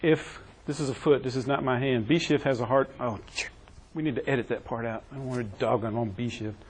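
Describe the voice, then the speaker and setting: A man's voice: mid-range voice, fairly even intonation, fairly quick, a little hiss or hum, rough recording. A man teaching a classroom EMS training session, quizzing his trainees and joking with them. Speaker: EMS instructor.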